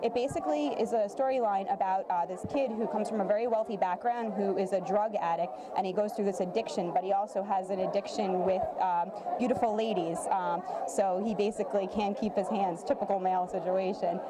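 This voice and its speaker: A young woman answers interview questions casually in a medium-pitched voice. She rambles hesitantly with many filler words, over clear background noise. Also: a little fast, few pauses. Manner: hesitant, rambling, many likes and you-knows. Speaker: interview guest, actress. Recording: noisy event room.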